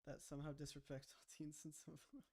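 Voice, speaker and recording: A man's voice: a little high, little pitch movement, fast talker, a little mellow. A young man streaming live, chatting casually about his own series and rambling with lots of "like" and "kinda". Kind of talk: casual livestream chat.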